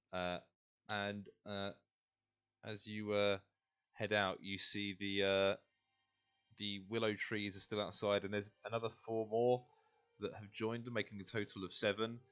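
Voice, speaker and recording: Low-voiced man running a tabletop game. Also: flat delivery, fairly bright tone, clean tone. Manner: halting, casual, searching for words. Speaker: game master. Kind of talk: improvised tabletop game narration.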